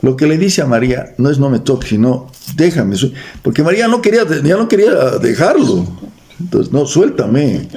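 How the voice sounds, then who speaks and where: Gravelly Bolivian preacher, lively pitch. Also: male voice, fairly quick. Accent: Bolivian Spanish. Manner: reads verses aloud, adds jokes and quizzes the congregation. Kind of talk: sermon with scripture reading. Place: church.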